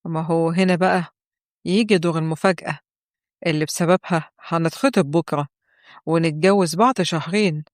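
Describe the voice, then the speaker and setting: A woman's voice: lowish voice, fairly even intonation, brisk, no echo, clean studio sound, lightly acted. Woman voicing a teasing Egyptian young man. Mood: eager. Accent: Egyptian Arabic. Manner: playful, teasing.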